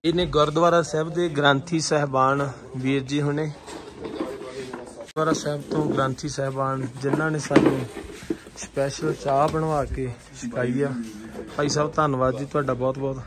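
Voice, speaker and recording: A man's voice: mid-range voice, level tone, moderate pace, very noisy. A man from Punjab narrating a travel vlog outdoors in the mountains, telling a temple story reverently and praising the scenery with enthusiasm. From Punjab, India. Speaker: travel vlogger.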